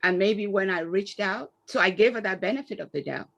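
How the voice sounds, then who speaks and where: A woman speaking on an online panel, answering a question in an animated storytelling way and acting out quoted exchanges. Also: mid-range voice, brisk, vocal fry, muffled recording.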